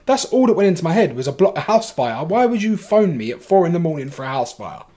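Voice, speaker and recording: On a podcast, a London-accented man whose voice sits a bit high for a man rushes through his story in a casual, animated way. He talks fast, swears without restraint and restarts sentences repeatedly.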